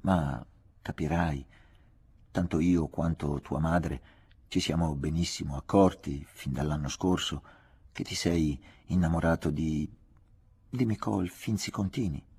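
A man reading an anxious, gentle aging father. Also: a bass voice, measured pace, husky, heavily acted. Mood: hushed tender. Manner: kindly, fretful, confiding.

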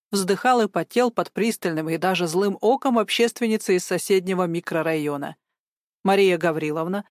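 A woman narrating an audiobook chapter in a measured, even storytelling manner. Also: mid-range voice, no room sound, clean studio sound. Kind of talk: scripted narration.

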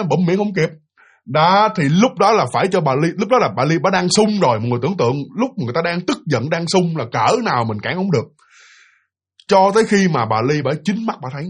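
A man narrating a ghost story, animated and speaking directly to his listeners. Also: high-pitched, husky.

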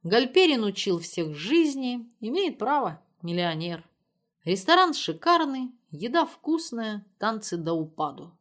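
A woman's voice: a little high, big pitch swings, a little slow, pitched above the performer's own voice. A woman reading the part of an impatient, sardonic young woman in an audiobook. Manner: sardonic, irritable.

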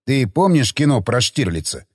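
A man's voice: mid-range voice, big pitch swings, normal speed, darkish tone, slightly rough, no room sound, studio quality. A man voicing a sly, mocking tough guy in an audiobook, talking with cocky ease. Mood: smug. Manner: smug, mocking.

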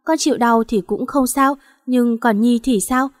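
A woman voicing a gravely ill young husband who talks with sorrow and pleads. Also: on the high side, measured pace, studio quality, close to an everyday voice. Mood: desperate. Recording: long hall reverb.

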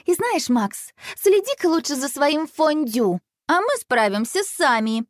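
A woman reading a storybook aloud and voicing a bossy, clever older sister with brisk, sharp retorts. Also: high-pitched, big pitch swings, no echo, clean studio sound, pitched above the performer's own voice.

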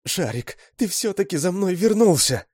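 A man voicing a frightened young girl in an audiobook, in a high, breathy voice. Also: unhurried, darkish tone, no room sound, clean studio sound. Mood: overjoyed.

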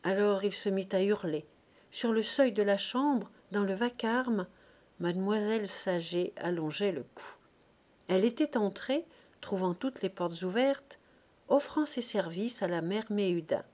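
A woman narrating a classic novel for an audiobook. Her pitch sits in an ordinary middle range, and she tells the story in a measured, even way. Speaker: audiobook reader.

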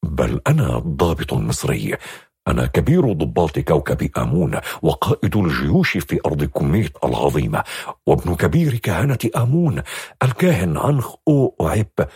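A courtly young officer, formal and solemn, bowing in every word, as a male storyteller plays him. The voice drops below the narrator's own, husky and breathy. The recording is dry and close. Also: rumbling low, sing-song, a little fast, darkish tone, no room sound, voice pushed down, exaggerated voice.

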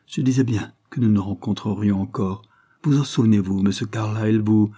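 A man's voice: on the low side, moderate pace, mellow, breathy edge. A man reading an audiobook, voicing a sad and shy young noblewoman who hesitates and stammers. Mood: pleased.

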